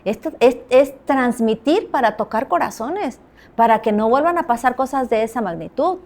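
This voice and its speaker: A woman's voice: on the high side, normal speed. A woman journalist with a Mexican accent, a guest in an interview, telling her stories with animation and acting out the dialogue. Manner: animated storyteller, acts out quoted dialogue. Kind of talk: anecdotal interview talk.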